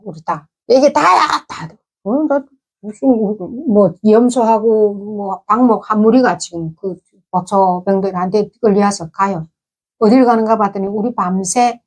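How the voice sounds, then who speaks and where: A woman with a North Korean accent recounts her own past in relaxed, conversational storytelling. She paints scenes with lots of sound words and quick imitations. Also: medium pitch. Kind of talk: casual personal storytelling.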